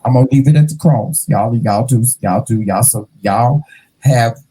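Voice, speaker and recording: A man in his fifties hosting a casual interview, animated and playful, calling his guest "child" and "honey". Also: mid-range voice, moderate pace, breathy edge, rough recording. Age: 50s. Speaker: host.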